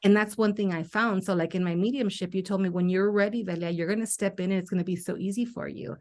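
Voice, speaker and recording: A woman's voice: mid-range voice, steady tone, quick pace, a little mellow. A woman hosting a podcast as a spiritual life coach, talking candidly and animatedly, swearing casually and acting out her own past reactions.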